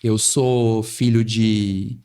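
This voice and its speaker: A man's voice: lowish voice, level tone, very slow, warm tone, clear, resonant tone. Articulate São Paulo lawyer, man. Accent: São Paulo Portuguese. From São Paulo, Brazil. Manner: articulate, witty, rhetorical, frequent tag "né". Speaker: guest, tax lawyer. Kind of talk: podcast interview.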